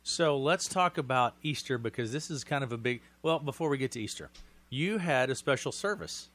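A man's voice: medium pitch, animated, brisk, fairly bright tone. A man hosting a radio interview in a friendly, joking manner, asking guests about themselves. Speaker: radio host.

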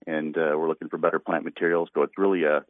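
A man's voice: extremely low pitch, little pitch movement, rapid-fire, no echo. A man from north central Iowa, a hazelnut farmer talking in an easygoing way on a radio interview, with many "uh" fillers. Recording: tinny phone line.

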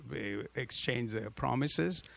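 A middle-aged man with an Indian accent, a pastor speaking as a radio interview guest in an earnest, hesitant way with many pauses. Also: medium pitch, gravelly, fairly bright tone. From southern India.

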